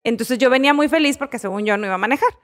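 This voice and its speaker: A middle-aged woman, chatting casually as a podcast host and telling stories loudly. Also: on the high side, rapid-fire. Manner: loud, animated storyteller. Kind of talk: casual chat.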